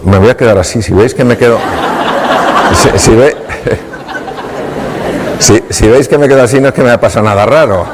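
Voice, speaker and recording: A man's voice: medium pitch, moderate pace, pauses often, crowd noise, noisy background. A man with a Spain Spanish accent, a doctor giving a talk, telling a story animatedly and acting out the dialogue on a clip-on mic in a large hall. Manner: animated, laughing storyteller who acts out dialogue.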